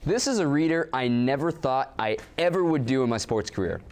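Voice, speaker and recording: A young man with a mid-range voice co-anchors a student sports show, reading scripted stories at a brisk clip. His delivery is lively and animated, full of playful banter and teasing.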